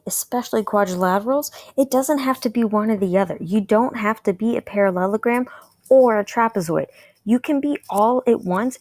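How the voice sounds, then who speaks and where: A woman's voice: fairly high pitch, darkish tone, dry recording. A woman from Texas, teaching a recorded math lesson, patient and repeating key ideas to her viewers.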